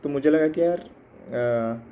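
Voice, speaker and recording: A man's voice: a little high, takes it slowly. A man in his mid-twenties talking in a casual reflective monologue, hesitant with many fillers and switching between two languages. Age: 20s. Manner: hesitant, many fillers, mixes English into Hindi. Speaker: exam aspirant vlogger. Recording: muffled, slightly lo-fi with faint background noise.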